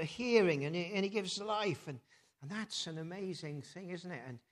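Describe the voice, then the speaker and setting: Male preacher, slow deliberate sermon, higher-ish voice, lots of "isn't it?" tags and pauses. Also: a bit bright. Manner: measured, reflective, frequent rhetorical tag questions and hesitations. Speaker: preacher leading a communion service.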